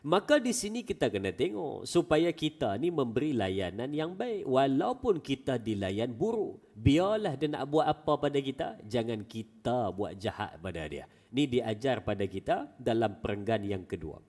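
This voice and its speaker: A male preacher giving a Friday mosque sermon as an animated storyteller with folksy asides. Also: medium pitch, normal speed, long reverb tail. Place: small mosque prayer hall.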